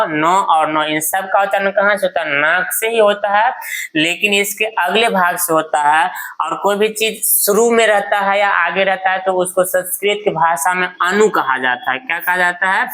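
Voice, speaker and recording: A woman's voice: fairly low pitch, fairly bright tone, low-quality recording. A woman teacher giving a grammar lesson, repeatedly asking a question and answering it herself. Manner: drills by asking and answering her own questions.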